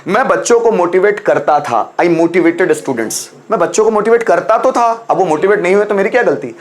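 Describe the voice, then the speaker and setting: A young man with a Hindi accent teaching English in a live online class, coaxing students and repeating examples slowly. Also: sits high, lively intonation.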